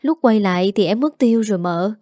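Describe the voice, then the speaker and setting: A woman's voice: mid-range voice, brisk, warm tone, no echo, clean studio sound, natural voice. A woman voicing a young female servant girl in a storybook, stammering and frantic. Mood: panicked.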